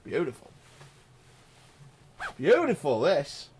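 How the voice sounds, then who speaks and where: An excitable man, doing chatty live commentary on a pool match and exclaiming loudly at big shots. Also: a little high, takes it slowly, a little hiss or hum. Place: pool lounge.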